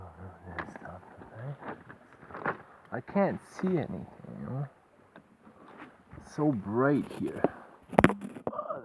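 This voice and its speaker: A man's voice: on the low side, heavy background noise. A man vlogging on a rocky lakeshore hike, talking in a sing-song, playful way to his dog. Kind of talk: playful outdoor vlog narration. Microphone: phone camera.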